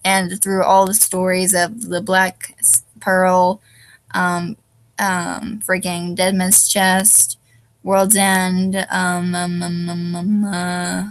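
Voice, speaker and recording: Speaking slowly and in a monotone, a young woman with a fairly low, stuffy, tired-sounding voice rambles casually about fanfiction as a reviewer. Her delivery is hesitant and packed with ums, and she keeps trailing off and losing track of what she was saying.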